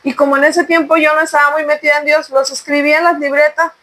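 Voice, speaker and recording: High-voiced earnest woman. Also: flat delivery, fast, sharp tone, low-quality recording. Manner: earnest, exhorting listeners directly. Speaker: podcast co-host sharing testimony. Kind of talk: conversational faith testimony.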